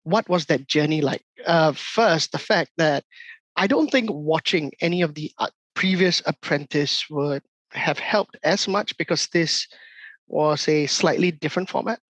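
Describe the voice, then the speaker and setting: A host from Singapore with a Singaporean accent, asking rambling questions in a relaxed, conversational way. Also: medium pitch, unhurried, dry recording. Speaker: interview host. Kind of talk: casual interview.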